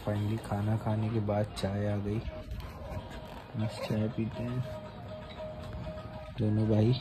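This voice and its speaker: A man's voice: fairly low pitch, monotone, slow, loud music behind the voice, poor audio. A young man from Prayagraj vlogging his trip on a phone held at arm's length, chatty and calling viewers guys and brother. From Prayagraj, India. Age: young adult. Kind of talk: casual travel vlog. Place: train station, taxi, hotel room, city streets. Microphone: phone selfie at arm's length. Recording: loud crowd and street noise on phone mic.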